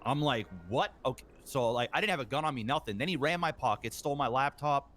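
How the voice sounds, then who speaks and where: Brief: man in roleplay, mid pitch, rambling storyteller with frequent fillers, quotes others. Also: animated, fast, fairly bright tone. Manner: rambling retelling, full of ums and uhs, acts out quoted lines. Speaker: roleplay gang member.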